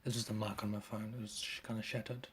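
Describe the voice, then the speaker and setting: A man's voice: fairly low pitch, flat delivery, fast, a little hiss or hum. A man chatting casually as a podcast guest, laid-back, swearing freely and trailing off. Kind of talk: casual chat.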